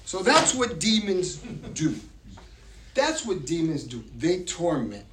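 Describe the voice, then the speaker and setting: A man teaching a Bible study group in a casual way, reading verses aloud and acting out a story with lively voices. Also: a little high, slow pace, roomy sound, distant mic, slight background noise. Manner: animated, acts out quoted voices in a story.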